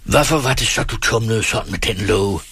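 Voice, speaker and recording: A man voicing a harsh, hot-tempered old farmer father who shouts and scolds. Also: lowish voice, slightly rough, exaggerated voice. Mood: furious shouting. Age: older.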